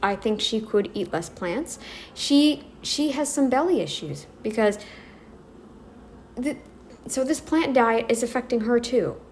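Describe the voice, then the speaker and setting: A woman's voice: fairly high pitch, animated, a little slow, darkish tone, a little hiss or hum. A North American woman rambling through an emphatic opinion commentary, speaking straight to her viewers. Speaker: commentary vlogger.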